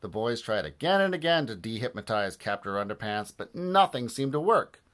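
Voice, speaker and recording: A man reading a children's book aloud with expressive, lively storytelling. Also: mid-range voice, normal speed. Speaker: audiobook narrator.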